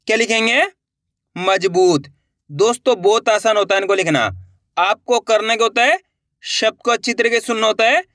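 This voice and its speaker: A man's voice: sits high, fairly bright tone, no room sound, clean studio sound. A man teaching how to write words letter by letter, repeating each word and answering his own questions. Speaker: Hindi writing teacher. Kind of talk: slow step-by-step spelling lesson.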